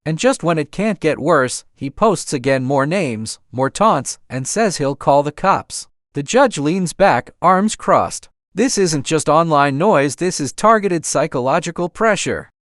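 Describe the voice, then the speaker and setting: A man's voice: on the high side, expressive, unhurried, hardly any pauses, a bit bright, no room sound, clean studio sound. A man narrating a courtroom recap in a punchy, dramatic scripted style.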